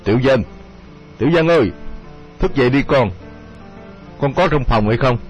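A man's voice: mid-range voice, animated, moderate pace, close to an everyday voice. A man voicing an older father, worried and grieving, speaking in a pained murmur in an audio story. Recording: dull lo-fi audio with music.

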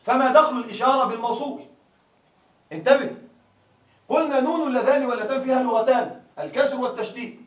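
High-voiced male teacher in an echoey room. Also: fairly even intonation. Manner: keeps asking students if it is clear; drawls example words slowly. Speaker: grammar teacher. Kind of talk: classroom lecture. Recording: echoey room, mic far off.

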